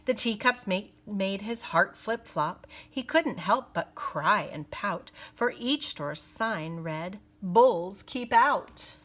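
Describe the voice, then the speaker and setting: A woman's medium-pitched voice carries an expressive, deliberate read-through of a picture book meant for children.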